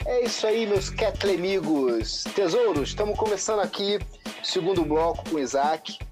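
A man's voice: high-pitched, animated, normal speed, music in the background. Chatty Carioca man hosting a podcast. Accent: Carioca Portuguese. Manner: chatty, easygoing, tells personal anecdotes. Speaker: podcast host. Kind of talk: casual podcast interview.

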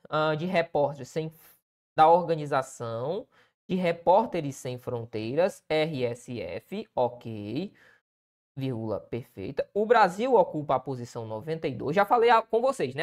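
A man's voice: on the high side, big pitch swings, measured pace. A man with a Brazilian Portuguese accent, a writing teacher correcting a student essay aloud, who keeps checking in with the listener and pointing things out on the page.

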